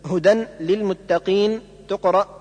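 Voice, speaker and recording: A man reading a lesson on Quran recitation rules aloud, going through each rule point by point in a measured way. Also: high-pitched, fairly even intonation, darkish tone, long reverb tail.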